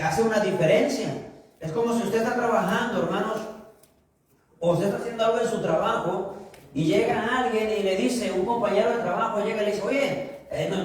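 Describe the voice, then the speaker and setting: High-voiced pastor preaching in an echoey church. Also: male voice. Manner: asks the congregation questions and answers them himself; slows down for emphasis on key phrases. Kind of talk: sermon with humorous anecdotes. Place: church sanctuary. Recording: echoey church hall, distant mic.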